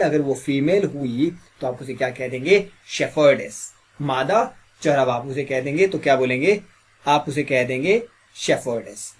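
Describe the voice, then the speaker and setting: Husky-voiced man teaching English. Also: a little high, a little mellow. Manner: quizzes listeners with repeated questions, clears throat often. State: slightly sore throat. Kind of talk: classroom grammar lesson.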